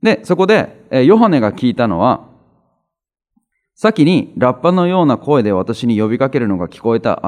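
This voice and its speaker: A man's voice: medium pitch, darkish tone. A man giving a conversational Bible teaching as a pastor, explaining with everyday examples and reading scripture passages aloud. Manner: reads scripture aloud slowly, repeating references.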